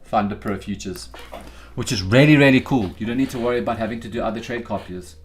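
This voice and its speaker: A man's voice: on the low side, fast, soft background music. Chatty man hosting a stream. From South Africa. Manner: upbeat and chatty, talks straight to viewers, calls them guys and bro. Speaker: livestream trading host. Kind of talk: casual live-stream chat.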